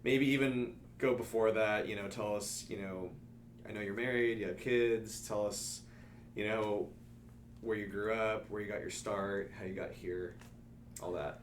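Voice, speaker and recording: A male podcast host with a fairly low voice welcomes his guest and asks loose, rambling questions that trail off. A faint background hum sits behind him. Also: steady tone, a little slow. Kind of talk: interview host.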